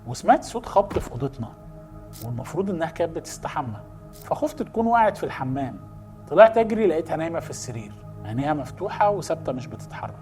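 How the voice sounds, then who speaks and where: A man voicing a hushed, grieving haunted father. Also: on the high side, big pitch swings, rapid-fire, faint music behind. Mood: grim. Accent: Egyptian Arabic. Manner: hushed, sorrowful storytelling.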